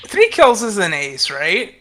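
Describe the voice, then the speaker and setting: A man's voice: high voice, huge pitch swings, a little slow, pushed and bright. A man playing a tabletop role-playing game, making joking, whiny complaints. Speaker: player. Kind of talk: casual tabletop role-play chat.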